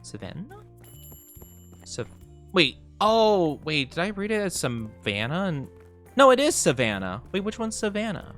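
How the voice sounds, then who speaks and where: A man's voice: sits high, sing-song, measured pace, fairly bright tone, soft background music. A man hosting a livestream as a VTuber, chatting casually while he plays a game, with effusive, gushing greetings and a cutesy, cooing way of talking. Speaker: VTuber streamer host.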